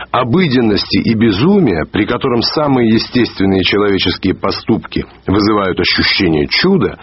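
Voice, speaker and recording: A man reading a literary review aloud in a measured way, slowing down to stress key words, heard on an old archive radio recording. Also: fairly low pitch, husky, lo-fi sound. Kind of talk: read literary commentary.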